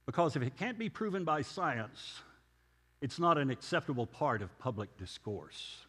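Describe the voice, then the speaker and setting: A man's voice: medium pitch, big pitch swings, moderate pace, fairly bright tone, husky, long reverb tail. A man giving a conversational sermon lecture, telling stories and asking rhetorical questions. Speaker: preacher.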